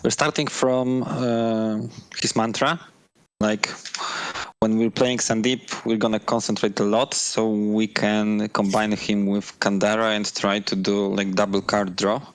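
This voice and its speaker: A man from Poland, a guest on a gaming chat, speaking English with many hesitant pauses and fillers. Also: lowish voice, level tone, smooth, dry recording, rough recording. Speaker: guest player. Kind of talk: casual gaming discussion.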